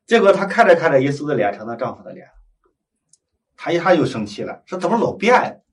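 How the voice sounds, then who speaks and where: A man preaches in a storytelling way, slipping into the voices of the people in his tale and often asking his listeners for agreement. His voice sits a little higher than most men's. He is heard from some distance from the microphone. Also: fast talker. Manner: animated, acts out dialogue, frequent tag questions. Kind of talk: storytelling sermon.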